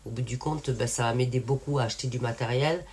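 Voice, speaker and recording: A woman from France, an independent singer with her own channel, talks quickly in a bass voice that is a little mellow and slightly rough. Her casual, frank update to viewers rambles along with many fillers and restarts.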